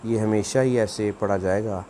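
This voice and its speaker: A man's voice: on the low side, steady tone, normal speed, dark tone, a little hiss or hum. A man, giving a video language lesson, explaining patiently and repeating words for practice. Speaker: language teacher.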